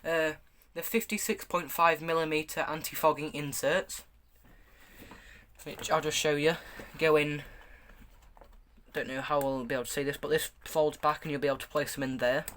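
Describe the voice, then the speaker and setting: A man's voice: a little high, flat delivery, moderate pace, fairly bright tone, slight background noise. A man giving a casual, hands-on product review, speaking in a stop-start, hesitant way with repeated words. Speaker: gas mask reviewer. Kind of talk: casual product review, showing items to camera.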